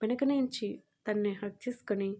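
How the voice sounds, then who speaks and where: A woman narrating a romantic audio story at a steady, even pace. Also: mid-range voice, moderate pace.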